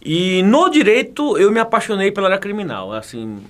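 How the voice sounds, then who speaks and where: Sitting high and a bit bright, this man's voice swings hugely in pitch at a slightly fast pace. The Bahian federal police chief and teacher, in his 40s, is a casual interview guest who laughs and jokes a lot, often repeating words.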